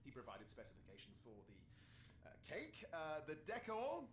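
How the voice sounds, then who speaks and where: A man's voice: a little high, wildly swooping pitch, normal speed. Swooping, grandiose man hosting a party. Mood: festive, grand. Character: grandiose, jovial male crew member hosting a station party. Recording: echoey, distant, faint ambient noise.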